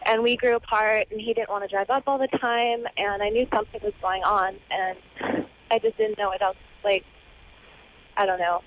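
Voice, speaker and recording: A woman's voice: medium pitch, fairly even intonation, moderate pace. Young woman caller on dull phone line. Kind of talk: casual, confiding chat.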